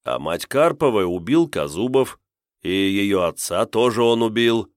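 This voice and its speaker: A man voicing a calm, menacing male captor who speaks slowly and mockingly. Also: on the low side, no room sound, clean studio sound. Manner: slow, drawling and mocking.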